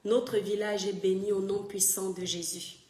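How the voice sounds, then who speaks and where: Female livestream host with a Cameroonian French accent, mid-pitched, fervent and emphatic, recorded with room echo. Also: flat delivery, normal speed, darkish tone. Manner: greets viewers one by one, fervent and emphatic. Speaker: livestream host and gospel singer. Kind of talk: casual social media livestream. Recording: roomy echo.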